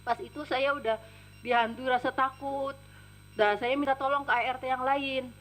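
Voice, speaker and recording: A woman's voice: high voice, fairly even intonation, normal speed, a bit bright, poor audio. A tearful woman, a domestic worker, giving testimony and recounting events step by step, often quoting what others said.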